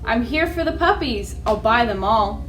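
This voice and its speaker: A woman's voice: fairly high pitch, animated, moderate pace, fairly bright tone, reverberant, faint music behind. A woman voicing a haughty, demanding female villain with an imperious drawl in a children's storybook.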